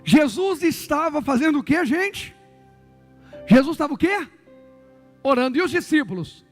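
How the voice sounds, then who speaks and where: A Brazilian pastor with a notably high voice preaches to his church. He keeps quizzing the congregation and repeating their answers, with joking asides, and faint music plays underneath. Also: lively intonation, normal speed. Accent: Brazilian Portuguese. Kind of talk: sermon.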